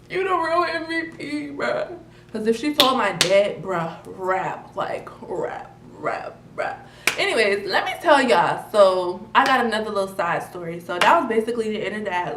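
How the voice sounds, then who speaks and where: A young woman vlogger telling a story in casual, slangy chat, jumping from loud outbursts to low mutters. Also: recorded from a distance. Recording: roomy, off-mic with faint noise.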